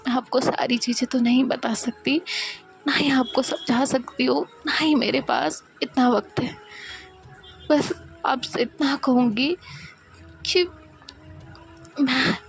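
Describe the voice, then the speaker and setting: A woman voicing a loving, remorseful mother who speaks softly and tenderly to comfort her daughter. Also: sits high, fairly even intonation, takes it slowly, gravelly, long pauses, faint music behind, full character voice, poor audio.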